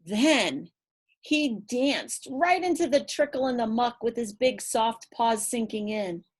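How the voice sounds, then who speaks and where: Reading a picture book to kids, a woman with a fairly high, expressive voice keeps things playful and rhythmic, stretching words out and chatting with her young listeners between lines.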